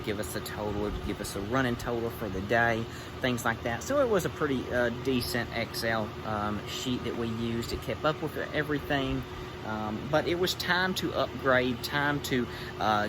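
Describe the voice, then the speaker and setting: Man vlogging over background noise. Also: mid-range voice. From United States. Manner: informal, halting, rambling. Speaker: vlog host, store owner. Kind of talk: casual vlog narration. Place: inside a warehouse store. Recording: clearly noisy indoor store background hum.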